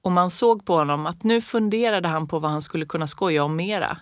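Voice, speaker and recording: A woman reading a story aloud in a calm, measured way. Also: fairly low pitch, no echo, clean studio sound. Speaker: audiobook reader. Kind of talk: scripted storybook narration.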